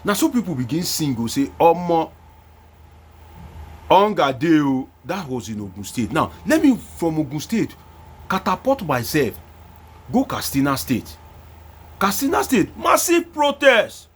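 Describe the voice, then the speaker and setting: A Nigerian man giving animated political commentary, singing chants and mimicking voices, with loud bursts and hushed asides. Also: a little high, measured pace, pauses often, husky. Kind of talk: animated commentary mixing Pidgin and Yoruba.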